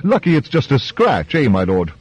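A man's voice: mid-range voice, huge pitch swings, normal speed, husky, no room sound, voice pushed up. A man voicing a dry, unflustered male guard commander with wry, understated remarks.

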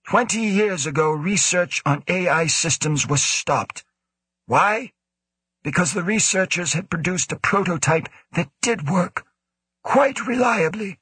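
A rasping, secretive station director who lectures in sharp, emphatic bursts, pitched well above his performer's own voice, as a man puts him on for a spoken story. The sound is dry and close, with a husky edge. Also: animated, unhurried, dry recording, full character voice. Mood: insistent. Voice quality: rasping, labored.

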